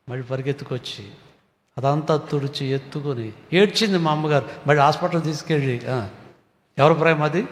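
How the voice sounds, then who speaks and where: Preacher man in a reverberant hall. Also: on the high side. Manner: preaching with sudden loud rises and soft drops. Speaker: pastor. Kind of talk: sermon.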